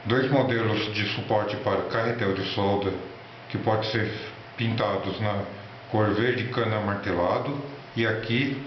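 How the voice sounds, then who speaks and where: Brazilian guy doing a halting hobby tutorial, roomy echo, kinda dull lo-fi sound. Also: lowish voice, steady tone. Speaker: electronics hobby presenter. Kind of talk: informal tutorial narration and product showcase. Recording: roomy, echoey, dull lo-fi with faint noise.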